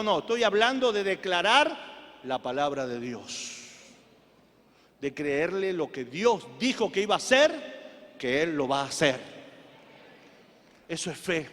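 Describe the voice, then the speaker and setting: A man with a very high, bright and forceful voice preaches a sermon with fervor, rising to shouts and then dropping back to quiet intensity. His words ring out in the long reverb of a church hall. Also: expressive, a little slow. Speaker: pastor. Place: church sanctuary.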